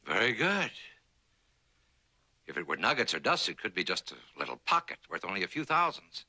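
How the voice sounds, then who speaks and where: Sharp, scornful western villain boss. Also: male voice, low-pitched, wildly swooping pitch, normal speed, heavily acted. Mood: calculating. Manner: curt, scornful, commanding. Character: domineering, greedy male boss, contemptuous western villain. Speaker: actor in a TV western. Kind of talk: TV western drama acting.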